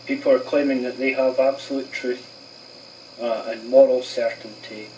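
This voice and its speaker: A man talks slowly and hesitantly, stopping to restart his sentences. He sits well back from the microphone. A faint hiss runs under the replayed clip. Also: medium pitch, steady tone, warm tone, far from the mic, poor audio. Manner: slow, halting, hesitant. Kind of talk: video clip being responded to.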